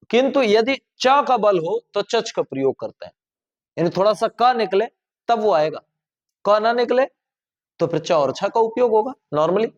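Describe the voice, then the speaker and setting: A man with a fairly high voice teaches a spelling lesson, drilling example words aloud and checking that his students follow. The recording sounds a little dull and lo-fi. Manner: explanatory, repeats words aloud with stressed sounds, checks understanding. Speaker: Hindi grammar teacher. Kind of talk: classroom lesson explaining spelling and pronunciation.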